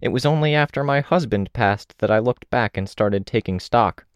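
A man's voice: medium pitch, moderate pace, clean tone, dry recording, clean studio sound, pitched above the performer's own voice, close to an everyday voice. A man voicing an earnest, chatty old woman on a train who rambles and confides.

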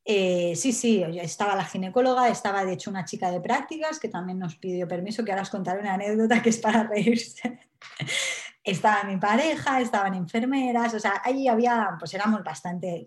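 A woman, nervous, telling her own story in an interview with halting speech and many restarts. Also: mid-range voice, echoey room. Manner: halting, frequent tag questions and restarts. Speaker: interview guest. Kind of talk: personal storytelling.

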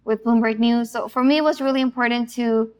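A woman's voice: on the high side, steady tone, brisk, a little mellow, smooth. A woman from Chile, guest in an interview, explaining her project at length with many "you know" and "um" fillers. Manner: fluent and explanatory, with frequent fillers. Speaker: author and executive producer. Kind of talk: interview answer.

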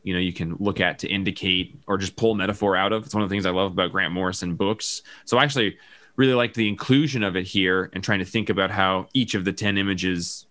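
Bright-voiced man musing over comics. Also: deep voice, steady tone, quick pace. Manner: rambling, thinking aloud with many fillers. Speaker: podcast host. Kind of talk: casual comic book discussion.

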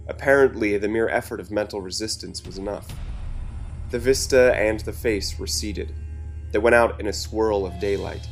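A man giving a measured, dramatic scripted narration of a story. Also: on the low side. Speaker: story reader. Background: soft music.

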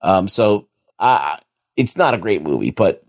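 A man's voice: lowish voice, big pitch swings, measured pace. A man with an American accent, co-hosting a podcast and rambling casually through a movie review. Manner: rambling, laid-back, profane. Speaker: podcast co-host. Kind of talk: casual chat.

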